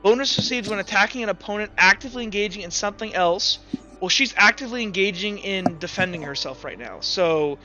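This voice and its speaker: A man acting as game master for a tabletop roleplaying game explains rules and scenes in a casual, rambling way, often restarting his sentences. His voice sits high and sounds pushed and bright, and he talks briskly. The recording is dull and lo-fi, with music playing behind him.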